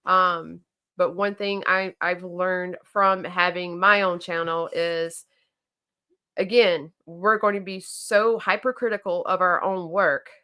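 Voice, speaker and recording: A woman's voice: on the low side, fairly even intonation, slow pace, pushed and bright, clean tone. A woman with a Southern accent, co-hosting a casual livestream and chatting about viewer comments with plenty of fillers and restarts. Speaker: co-host of a knife company livestream.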